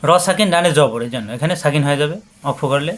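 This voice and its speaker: A man leads a word-by-word tajweed lesson in a notably high voice. He patiently repeats each syllable and stretches recited words into slow chant. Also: expressive. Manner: patient, repetitive drilling of syllables, slows and sings out recitation. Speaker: Quran recitation teacher.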